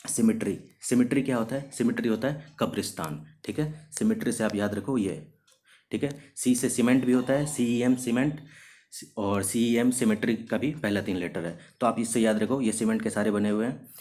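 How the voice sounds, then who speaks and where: A man's voice: fairly low pitch, darkish tone. A man teaching English vocabulary in a recorded video lesson. He explains each word step by step, asks questions and answers them himself, and mixes English terms into his Hindi explanations. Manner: slows down sharply to read out example sentences.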